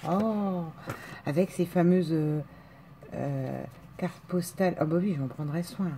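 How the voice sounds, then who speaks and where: A woman's voice: fairly low pitch, slow pace, mellow, a little hiss or hum. A woman in a casual chat, opening mail on camera, gushing and exclaiming as she goes, with lots of fillers.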